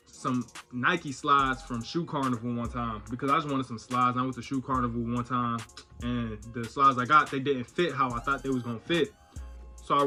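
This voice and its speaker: Bright-voiced young man telling a story. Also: medium pitch. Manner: slangy, animated retelling with voiced quotes. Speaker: vlogger. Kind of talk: casual storytime.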